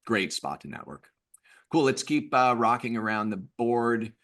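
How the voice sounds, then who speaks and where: A man's voice: mid-range voice, expressive, a little slow, fairly bright tone. A man hosting a casual online group chat in an enthusiastic, informal, buddy-like way. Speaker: host of online group meeting.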